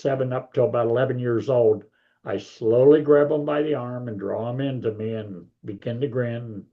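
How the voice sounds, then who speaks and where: An older man, a grandparent, appears as an author guest in an interview and talks casually in a big, folksy, rambling way. His voice is mid-range, and the sound is lo-fi.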